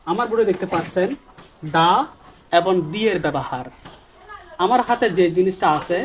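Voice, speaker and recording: Guy teaching english at a board, lively, keeps repeating words and quizzing himself, little chuckles. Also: high voice. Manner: lively, repeats key words, asks and answers his own questions. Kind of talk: short spoken-English lesson at a board. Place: classroom with a board.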